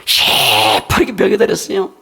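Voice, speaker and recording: A man's voice: high-pitched, big pitch swings, moderate pace, vocal fry, bright, forceful tone, breathy edge. An older man, a pastor, preaching a sermon in a church in a conversational, emphatic storytelling way.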